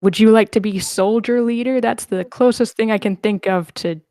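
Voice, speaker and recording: Hosting an online script table read, a woman organizes the cast in a casual, chatty, informal manner. Her voice is on the high side with a dark tone and a moderate pace, and the recording is dry, with clean studio sound.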